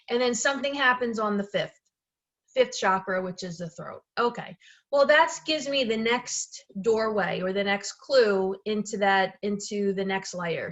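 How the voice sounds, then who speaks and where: A woman at a middle pitch talks through how she works as an energy healer, in a loose, conversational way. She backtracks and restarts her phrases as she goes and keeps checking in with "okay" and "right.". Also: fairly bright tone, lo-fi sound. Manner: chatty, self-correcting, frequently checks in with "okay" and "right". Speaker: medical intuitive and energy healer. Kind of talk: informal explanatory talk to camera.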